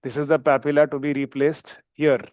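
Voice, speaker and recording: A man's voice: a little high, flat delivery, fairly quick, darkish tone, no echo. A man with an Indian accent giving live surgical commentary as the operating surgeon, with terse, clipped instructions to assistants.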